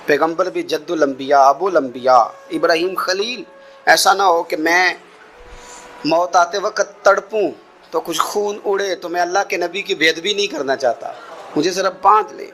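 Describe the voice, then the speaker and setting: A gentle young son, played by a preacher, speaking with soft, earnest devotion. The voice is lighter and quieter than the preacher's own, but still clear. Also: male voice, sits high, slight background noise. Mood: tender.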